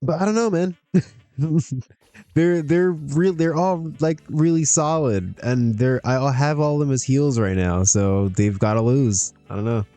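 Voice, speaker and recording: A man's voice: medium pitch, a little slow, warm tone, no room sound, faint music behind. Laid-back man chatting over a game. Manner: chatty, laughs often, talks to himself. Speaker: streamer playing a wrestling management game. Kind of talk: casual gameplay commentary.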